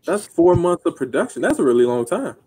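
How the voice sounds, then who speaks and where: A man's voice: a little high, sing-song, brisk, warm tone, slightly rough. A man in his late twenties on a video call, easygoing and agreeable in a casual group chat. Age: late 20s.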